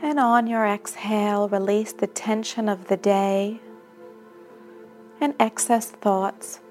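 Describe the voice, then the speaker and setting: A woman narrating a guided meditation in a soft, soothing manner with long pauses between phrases. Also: medium pitch, fairly even intonation. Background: background music.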